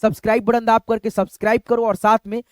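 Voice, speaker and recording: Guy teaching a spelling lesson, keeps saying friends, slow and repetitive, very dry close sound. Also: sits high, level tone, no echo. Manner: says "friends" constantly, asks questions and answers them himself; slow, repetitive step-by-step explaining. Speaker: online Hindi and English teacher. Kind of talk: casual teaching.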